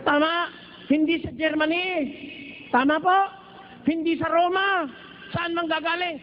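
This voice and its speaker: A man from the Philippines preaching at a Bible study in a teasing, joking way, at times slipping into slow chanted singing. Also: extremely high pitch, steady tone. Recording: dull lo-fi recording with faint noise.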